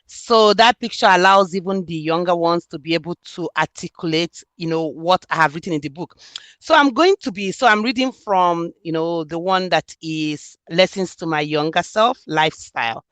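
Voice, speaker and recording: A Nigerian woman with a Nigerian accent and a lowish, slightly bright voice is interviewed about her book. She is an author and student who speaks at a normal pace, earnestly and reflectively, and the recording has no echo.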